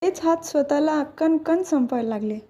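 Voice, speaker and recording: A woman's voice: high voice, animated, moderate pace, dark tone. A woman voicing a young woman doctor who speaks in an earnest, pleading way, read within a serial recap.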